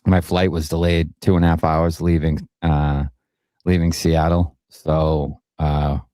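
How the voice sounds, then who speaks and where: A deep-voiced man co-hosts a casual sports podcast, telling stories in a relaxed, easygoing way. He swears freely as he talks. The sound is close and dry. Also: measured pace, dry recording. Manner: laid-back, profane storytelling. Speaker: podcast co-host.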